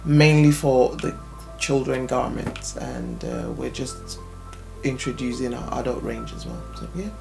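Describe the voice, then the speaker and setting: Guest, woman, 30s, from Nigeria, gravelly mid voice, thoughtful and chatty, faint music underneath. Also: a bass voice, expressive, unhurried. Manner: thoughtful, explains at length with many fillers. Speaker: guest, business owner. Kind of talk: casual interview chat.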